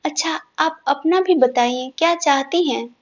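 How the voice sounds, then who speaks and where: Tender teasing young husband, read by a woman storyteller, high voice, dull recording. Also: a little slow. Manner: tender, coaxing.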